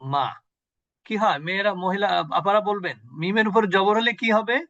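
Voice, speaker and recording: A man's voice: high-pitched, fairly even intonation, a little fast, a bit bright, no room sound, lo-fi sound. A man teaching an online Quran recitation class on a video call, patiently quizzing his students and repeating sounds for them.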